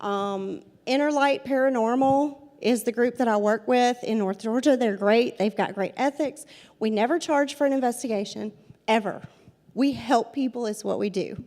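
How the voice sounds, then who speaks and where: Woman, forties, Southern US accent, paranormal investigator telling stories to an audience, talks straight to the crowd, slightly high voice, long hall echo. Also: normal speed, darkish tone. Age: 40s. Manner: chatty, addresses the audience directly and repeats points for emphasis. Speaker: paranormal investigator giving a talk. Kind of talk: storytelling talk to a live audience.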